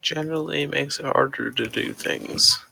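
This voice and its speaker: A man's voice: mid-range voice, moderate pace, gravelly, bright, forceful tone, slightly rough, no room sound, low-quality recording. A man running a tabletop game with an easygoing, joking manner. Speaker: game master.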